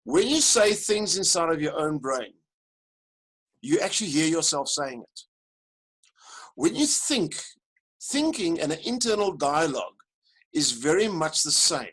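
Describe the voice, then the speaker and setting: A man leads a live coaching webinar, speaking to his audience directly and animatedly. His voice sits a little high for a man. He sounds like he is on a video call. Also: unhurried, pauses often, husky, rough recording. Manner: animated, addresses audience directly, counts them in. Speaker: life coach and webinar presenter. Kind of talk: live online coaching lesson.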